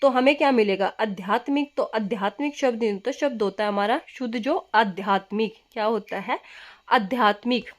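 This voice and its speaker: Young woman hindi teacher, highish voice, says each word slow and keeps going "what is it?". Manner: repetitive teacher's questions, keeps asking "क्या है?"; drills words slowly, stressing correct spelling. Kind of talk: exam coaching lesson.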